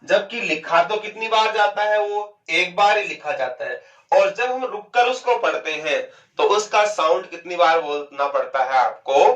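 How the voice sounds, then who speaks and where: A man teaching Hindi grammar in a lecture. He asks questions and answers them himself, and he draws words out slowly to show how they sound. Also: high-pitched, animated, a bit bright, recorded from a distance. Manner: stretches out words to show pronunciation. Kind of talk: classroom lecture. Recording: dull, echoey and off-mic.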